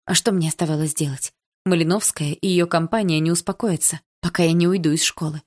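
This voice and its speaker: A woman narrates a first-person audiobook with lively, sardonic storytelling. Her voice sits low for a woman. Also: a little fast.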